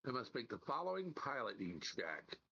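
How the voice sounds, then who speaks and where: A man's voice: mid-range voice, sing-song, moderate pace, creaky, bright, forceful tone, breathy edge. A man playing a tabletop game, talking in a playful, dramatic way. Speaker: player. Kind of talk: casual game chat. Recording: dull lo-fi mic.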